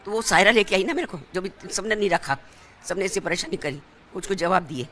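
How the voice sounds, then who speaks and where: A woman's voice: mid-range voice, animated, a little fast, fairly bright tone. An older woman from Madhya Pradesh, an old-age home resident, answering an interviewer in a rambling way full of family and money details. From Dhar district, Madhya Pradesh.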